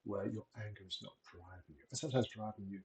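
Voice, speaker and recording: A middle-aged man giving a gentle, measured talk on wellbeing, encouraging and unhurried with frequent pauses. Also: fairly low pitch, slight background noise, poor audio. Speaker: wellbeing presenter. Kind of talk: reflective solo talk.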